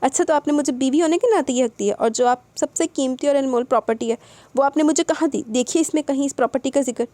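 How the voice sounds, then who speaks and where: A woman's voice: sits high, dark tone, no room sound, voice pushed up, natural voice. A woman voicing a devoted young bride, emotional and tearful. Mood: impassioned. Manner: tearful, impassioned.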